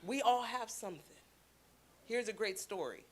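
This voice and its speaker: A woman from Canada speaking to a church congregation, telling stories with playful asides in a lively sermon. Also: a little high, moderate pace. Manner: chatty storytelling with playful asides.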